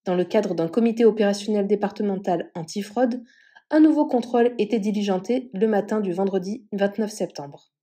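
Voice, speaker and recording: A woman narrating a celebrity news story as scripted voice-over, reading an article in an even manner. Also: medium pitch, brisk.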